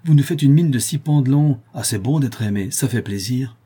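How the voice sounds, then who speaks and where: A man's voice: lowish voice, normal speed, warm tone, husky. A man voicing a blunt, jovial craftsman in a spoken storybook, with a wry way of talking.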